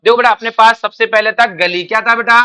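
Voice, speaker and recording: A man's voice: extremely high pitch, steady tone, fast, bright, forceful tone, clean tone. A male chemistry teacher, coaching exam students by firing questions and repeating the answers back. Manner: quizzing students, calling them "beta", repeating answers. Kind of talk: coaching lecture with call-and-response.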